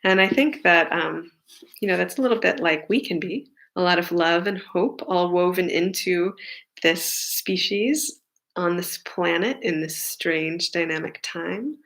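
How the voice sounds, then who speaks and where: A singer-songwriter woman sings gently at home with her ukulele, then talks earnestly about the song. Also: fairly low pitch, unhurried, creaky, low-quality recording. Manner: gentle, earnest, many fillers when talking. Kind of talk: singing with ukulele, then casual talk. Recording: ukulele playing loudly behind her.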